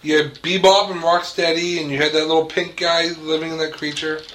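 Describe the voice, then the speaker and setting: Guy rambling on a podcast, bright voice a bit on the high side, jokey. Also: flat delivery, brisk, a little hiss or hum, poor audio. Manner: rambling, joking. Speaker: podcast co-host. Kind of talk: casual chat.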